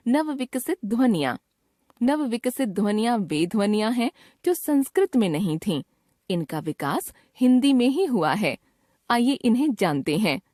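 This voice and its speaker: Female teacher voice-over, unhurried, lively pitch, dry close sound, careful diction. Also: no room sound. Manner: slow, clearly enunciated word lists. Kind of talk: scripted grammar lesson narration.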